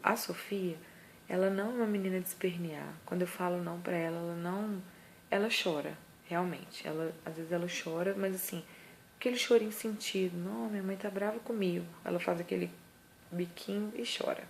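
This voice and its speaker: A woman's voice: fairly low pitch, fairly even intonation, fairly quick, slight background noise. A woman with a Brazilian accent, a mother giving parenting advice in a casual vlog, earnest and emphatic. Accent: Brazilian Portuguese. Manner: earnest, emphatic, acts out scolding lines.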